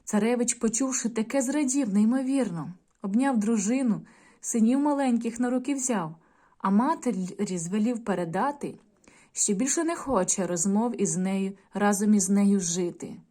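A woman teacher in a video lesson, reading a folk tale aloud and addressing the children in a clear, measured storytelling manner. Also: medium pitch, mellow. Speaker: primary school teacher.

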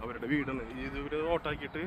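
A man's voice: mid-range voice, fairly even intonation, a crowd in the background. A man, chatting casually and explaining things on a night walk through a lakeside park, picked up by a phone camera. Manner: quick, offhand explaining and teasing. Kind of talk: casual chat while walking. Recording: phone video with loud outdoor background noise.

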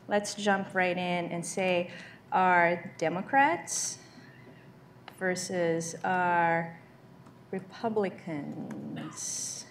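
A woman with a Brazilian accent gives a live demo as a conference keynote speaker in a large lecture hall, her mid-range voice carrying a little hiss or hum. She talks in a conversational, explanatory way, with frequent ums.

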